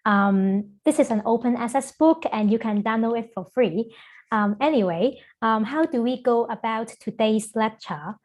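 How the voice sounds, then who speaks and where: Speaking over a video call, a middle-aged Hong Kong woman delivers an online lecture as a guest speaker. She is measured and uses fillers often, her voice on the high side and a little mellow.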